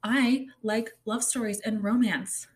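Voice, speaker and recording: A woman's voice: a little high, fairly even intonation, slow pace. A woman in her thirties from Kansas City, telling stories in a rambling, chatty monologue full of "like.". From Kansas City, Kansas, USA. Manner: rambling, chatty, heavy use of "like". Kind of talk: casual comedic monologue.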